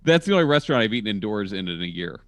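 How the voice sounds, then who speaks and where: A man chatting over a video call about his comedy work, jumping up in pitch whenever he quotes people in his stories. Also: very fast, no echo. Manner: animated storyteller with sudden pitch jumps when quoting people. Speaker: comedian and comedy label engineer. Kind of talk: casual video-call podcast chat. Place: home in a college town.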